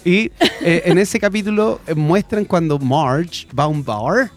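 A man's voice: fairly high pitch, measured pace. Chatty man co-hosting radio. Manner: switches between Spanish and English, teacherly and chatty. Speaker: radio show co-host. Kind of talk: bilingual casual radio chat.

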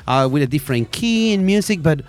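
Man, radio co-host, bilingual casual chat, teacherly, fairly high voice, soft music behind. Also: animated, normal speed. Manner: switches between Spanish and English, teacherly and chatty.

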